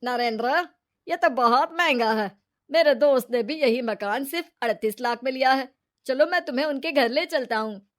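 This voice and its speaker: A woman voicing a man, a brother-in-law who speaks up loudly and matter-of-factly. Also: high-pitched, normal speed, natural voice. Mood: insistent.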